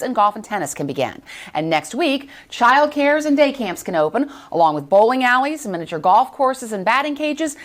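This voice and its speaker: A woman hosting live news coverage from a studio, with measured, announcer-like delivery. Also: medium pitch. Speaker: news host, bureau chief. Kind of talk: live broadcast news introduction.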